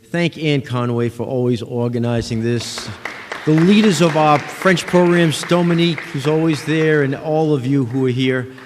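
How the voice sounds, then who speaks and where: A man's voice: medium pitch, darkish tone. A man giving gracious formal closing remarks, thanking the audience at a ceremony. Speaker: master of ceremonies. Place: large ceremonial hall. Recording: long hall reverb.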